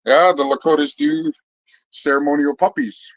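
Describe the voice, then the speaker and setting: A man's voice: a little high, fairly even intonation, normal speed, no echo. Man, live-stream chat, laid-back, slangy and profane, chuckles through stories, dry dull lo-fi sound. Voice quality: slangy, swears freely. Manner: laid-back, laughs often while telling stories. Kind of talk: casual live-stream chat answering viewers.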